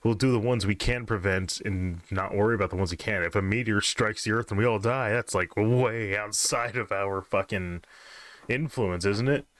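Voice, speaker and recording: A man's voice: fairly low pitch, normal speed, fairly bright tone, no room sound. A man streaming, chatting casually and offhandedly, with lots of fillers and some swearing. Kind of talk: casual chat.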